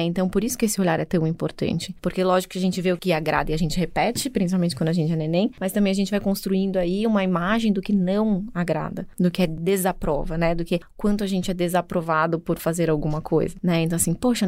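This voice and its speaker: A woman's voice: fairly low pitch, steady tone, quick pace, hardly any pauses, a little mellow, no echo. A woman, a psychologist explaining child development in a casual podcast chat, often ending points with a questioning tag. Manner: explanatory, frequent "né?" tags. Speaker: psychologist guest.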